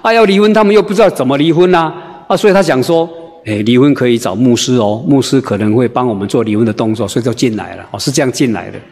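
A male preacher, telling a humorous story in a sermon in an animated, conversational way, full of "ah" and "oh" fillers. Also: medium pitch, quick pace, in a large hall.

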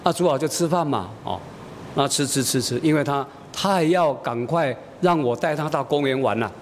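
A middle-aged man preaching a sermon, telling a family story in a homely way and acting out the dialogue. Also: normal speed. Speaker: pastor. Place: church. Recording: reverberant church hall, faint rumble.

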